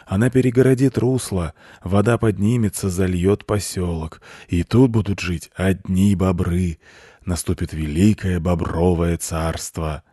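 Guy putting on a grey old beaver, slow and preachy, dead dry sound. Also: sits low, fairly even intonation, dark tone, breathy edge, no echo. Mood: pompous. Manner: slow, solemn and self-important. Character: very old grey male beaver, pompous zealot.

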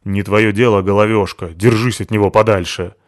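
A man's voice: low-pitched, level tone, moderate pace, dry recording, clean studio sound, natural voice. A man voicing a coarse brawling woman. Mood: scolding. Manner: crude, growling. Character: big coarse brawling woman, foul-mouthed. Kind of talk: audiobook character voicing.

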